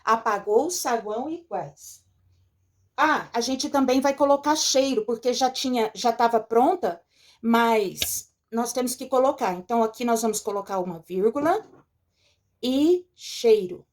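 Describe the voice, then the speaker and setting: A woman's voice: on the high side, a little slow. A woman teacher giving a recorded lesson from a textbook, explaining patiently and checking in with her pupils. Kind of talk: recorded remote lesson walking through a textbook.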